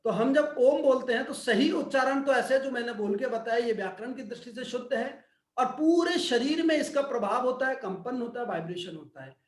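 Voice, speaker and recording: A man's voice: very high-pitched, lively intonation, fairly quick, echoey room. A man who is a yoga and wellness expert answering questions in an online Q&A, explaining patiently like a teacher and checking that listeners follow.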